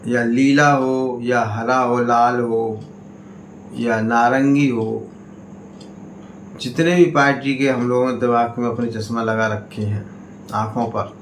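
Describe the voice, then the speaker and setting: A man giving a political speech to community members, in slow, emphatic oratory that swings between raised appeals and low warnings. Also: fairly even intonation, a little hiss or hum. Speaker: party state president. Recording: echoey room, faint ambience.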